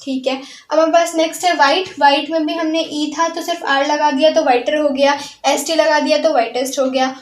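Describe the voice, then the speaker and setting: Indian woman, grammar teacher, high voice, unhurried step-by-step delivery, echoey room. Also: fairly even intonation. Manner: explains slowly, switching between Hindi and English, checking in with "ठीक है". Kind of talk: online grammar lesson.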